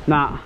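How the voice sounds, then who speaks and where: An excitable man calls out his catches from a boat, his voice pitched very high. Wind and boat noise sit clearly behind him. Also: highs cut off. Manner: excitable, exclaims often. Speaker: fishing vlogger. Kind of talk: excited fishing commentary.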